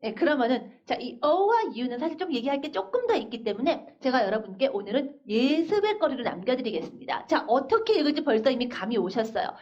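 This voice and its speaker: A woman's voice: high-pitched, big pitch swings, a little mellow. A woman teaching a phonics class, spelling words out letter by letter and asking her students questions. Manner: patient, drills words slowly letter by letter; asks the class questions and answers them herself. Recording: dull, lo-fi older recording.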